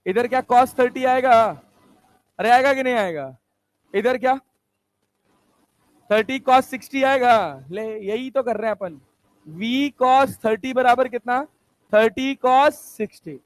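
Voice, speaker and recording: A man's voice: extremely high pitch, no echo. A man teaching a physics class, coaxing the students and constantly asking whether they follow. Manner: coaxing, asks constant check questions.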